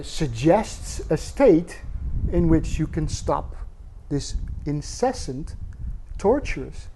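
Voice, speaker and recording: A man's voice: fairly high pitch, mellow, a little hiss or hum. A man, a spiritual teacher, giving an earnest, reflective satsang talk with casual asides and rhetorical questions.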